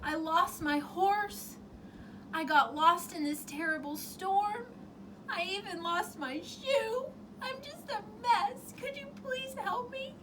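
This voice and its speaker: Woman acting out a high-pitched, polite, pleading young princess. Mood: pleading, tearful. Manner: pleading, halting, over-polite. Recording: distant mic, clearly noisy room.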